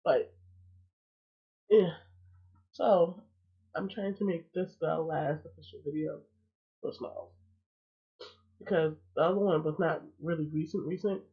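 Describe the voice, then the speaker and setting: Woman reaction streamer, cold-stuffed and gravelly, blunt chat, lo-fi phone-line sound. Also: low voice, measured pace, long pauses. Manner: blunt, chatty and fired up.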